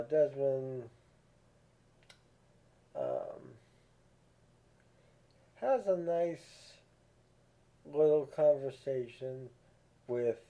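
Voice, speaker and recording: A man speaks in an unhurried, halting way as he reviews a series, often stopping on filler sounds and restarting words. His voice sits at an ordinary middle pitch. The sound is narrow and tinny, as if heard over a phone line. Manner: slow and halting, many ums and restarts. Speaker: show reviewer. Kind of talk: casual spoken review.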